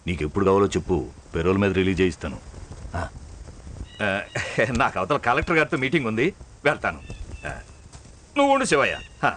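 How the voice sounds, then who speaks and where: A smooth home minister offers favors in a low, unhurried voice. His calm, patronizing tone stays even in the film scene. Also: a little hiss or hum. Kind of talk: film dialogue.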